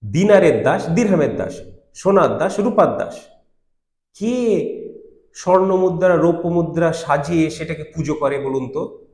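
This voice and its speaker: A man's voice: on the high side, expressive, unhurried, long pauses, darkish tone. Emphatic male Quran teacher, roomy echo. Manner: emphatic, argumentative, with rhetorical questions. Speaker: Islamic teacher. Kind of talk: Quran commentary lecture.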